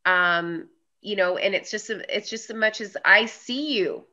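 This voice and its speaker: A woman hosting a podcast, speaking in an affirming tone and building her points through repetition. Her voice is bright and sharp at a middle pitch. The recording is muffled and lo-fi. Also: measured pace. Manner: warm, affirming, emphatic repetition. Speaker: podcast host. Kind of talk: casual interview chat. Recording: dull lo-fi audio.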